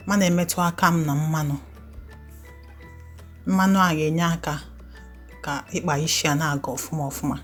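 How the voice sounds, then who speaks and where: A woman's voice: sits low, a bit bright. A woman with an Igbo Nigerian accent giving a casual, conversational voiceover for a step-by-step tutorial. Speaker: hair tutorial host.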